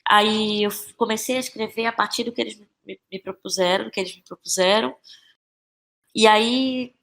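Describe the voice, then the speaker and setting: Her voice is medium-pitched and fairly even, with some creak and a slightly bright quality. This playwright-actress with a Brazilian Portuguese accent reflects casually on her creative work as a podcast guest, often groping for words, repeating herself, and ending lines with tag questions.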